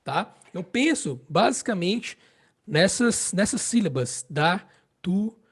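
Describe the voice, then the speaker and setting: Husky high-voiced Brazilian harmonica teacher. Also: male voice, lively intonation. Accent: Brazilian Portuguese. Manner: explains slowly, repeats phrases, checks with "né?" and "entende?". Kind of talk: casual spoken lesson.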